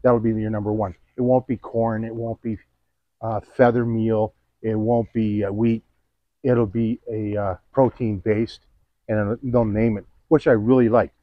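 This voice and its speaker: Older man, low-pitched and hoarse from a cold, pausing often as he reviews pond food. Dull, dry home recording. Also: level tone, no echo. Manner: halting, pauses mid-sentence to find words. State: hoarse from a cold, voice cracking upward. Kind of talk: casual product review.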